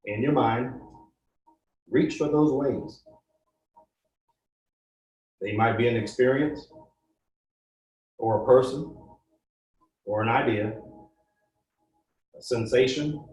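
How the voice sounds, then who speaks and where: A man leads listeners through a guided meditation, speaking slowly and calmly at an ordinary pitch. He sits back from the microphone, and the room adds a roomy echo around his voice. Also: recorded from a distance, lo-fi sound. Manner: slow, calm, coaching listeners step by step. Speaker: pastor.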